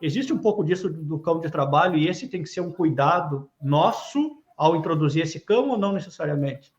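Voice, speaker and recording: A man hosting a podcast, asking long questions with many hesitant pauses. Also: on the high side, lively intonation, dull audio. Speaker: podcast host. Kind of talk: casual podcast interview.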